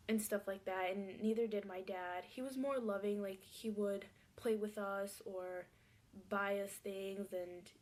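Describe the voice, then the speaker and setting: A woman telling a personal story in a soft, hesitant way, sometimes dropping to a near-whisper. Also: mid-range voice.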